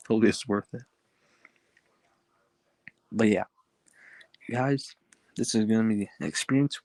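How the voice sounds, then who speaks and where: A man's voice: lowish voice, no echo. A young man co-hosting a casual podcast in a rambling way, his speech slightly impeded by the retainer he is wearing. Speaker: podcast co-host.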